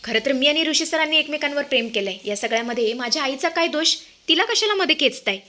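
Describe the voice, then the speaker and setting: A woman's voice: sits high, lively intonation, fast, sharp tone. A woman voicing a hurt but proud young village girl standing up to her lover's mother in a narrated TV-serial recap. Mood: firm. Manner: firm, rustic speech.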